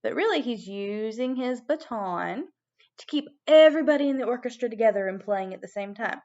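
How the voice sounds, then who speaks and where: A woman giving a video music lesson to young children as their teacher, animated and prompting them with questions. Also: a little high, brisk, highs cut off.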